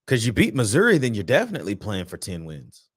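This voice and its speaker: A man with a low voice who swings his pitch widely while he talks through a game preview. He speaks like a fan, casual and slangy, stumbling and restarting as his thoughts come. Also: huge pitch swings, fast, breathy edge. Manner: conversational, repeats and restarts, slangy. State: sleepy, yawning. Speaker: sports podcast host.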